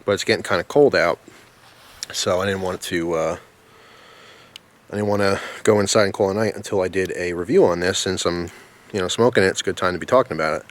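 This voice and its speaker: A man giving a casual product review in a rambling, halting way, recorded outdoors. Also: deep voice. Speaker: pipe tobacco reviewer. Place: outdoors in the snow in winter.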